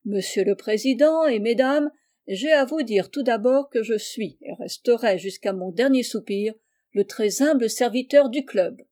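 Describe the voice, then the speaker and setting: A woman's voice: a little high, a little slow, warm tone, lightly acted. A woman voicing a courteous, playful teenage boy who speaks formally and graciously in a storybook. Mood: gallant.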